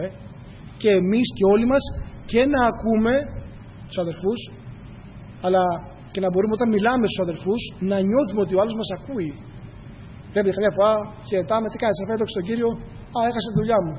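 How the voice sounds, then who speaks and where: Speaking directly to his flock, this man delivers an earnest, repetitive church sermon in a high voice. There's a little hiss or hum, and the dull lo-fi audio echoes around the hall.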